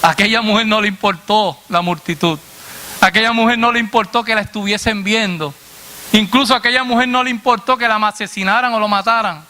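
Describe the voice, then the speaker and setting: Guy preaching a sermon, pretty high pitched, drops low on his own answers, light hiss behind. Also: fairly quick, pushed and bright. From Latin America. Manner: call-and-response questions, dropping low on the answer; addresses the congregation directly as brother.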